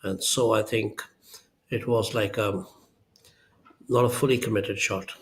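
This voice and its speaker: A man's voice: on the low side, fairly even intonation, measured pace. A man giving conversational golf analysis as a co-commentator.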